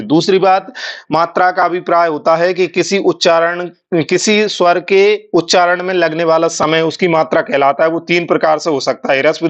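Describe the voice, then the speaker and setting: A man teaching a language lesson, explaining slowly and step by step, sometimes drawing out sounds to show them. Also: a little high, highs cut off. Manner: slow, explanatory, often drawing out sounds to demonstrate. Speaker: Sanskrit teacher.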